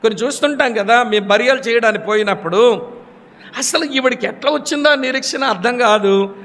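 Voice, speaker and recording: A man preaching a sermon, telling stories and acting out the voices of the people in them. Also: brisk. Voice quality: high-pitched, animated storytelling with acted quotes. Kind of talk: sermon with storytelling. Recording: long hall reverb.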